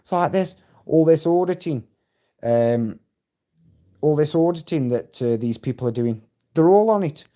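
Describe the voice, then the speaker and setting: Rambling, swearing bloke on a livestream. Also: male voice, fairly high pitch, lively intonation, unhurried, warm tone. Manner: rambling, heavy swearing, chatty storytelling. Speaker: livestream host. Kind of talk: casual live-stream chat.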